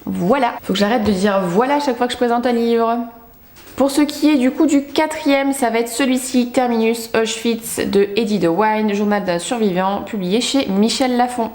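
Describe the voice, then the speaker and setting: A woman's voice: on the high side, moderate pace, darkish tone. Chatty young woman in an echoey room. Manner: chatty, self-mocking, filler-heavy. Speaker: book vlogger. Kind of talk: casual book haul chat.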